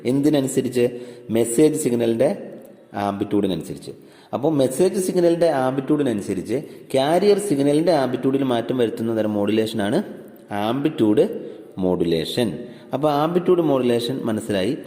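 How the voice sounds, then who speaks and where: A man's voice: medium pitch, lively intonation, warm tone. Man teaching in an echoey room. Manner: asks questions and answers them himself, repeats key points; reads English definitions slowly word by word. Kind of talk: classroom lecture explaining electronics. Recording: echoey room with long reverb.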